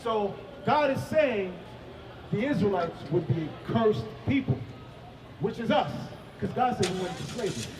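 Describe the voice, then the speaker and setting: A man preaching to a passerby in an emphatic, questioning way, breaking into shouts. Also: high-pitched, animated, moderate pace, noisy background. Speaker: street preacher. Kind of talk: confrontational street preaching. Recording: echoey, distant mic, loud crowd.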